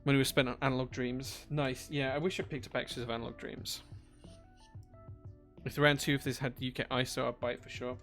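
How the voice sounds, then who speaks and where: A man's voice: mid-range voice, flat delivery, a little fast, a bit bright, faint music behind. A man hosting a live stream, chatting casually, reading out viewer chat and thanking people as he works. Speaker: livestream host building keyboards.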